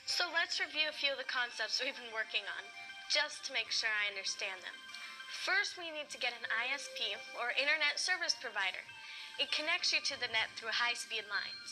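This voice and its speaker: Woman acting high-voiced, eager schoolkid explainer. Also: lively intonation, brisk, natural voice, poor audio. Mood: upbeat, eager. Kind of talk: scripted instructional video acting. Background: music.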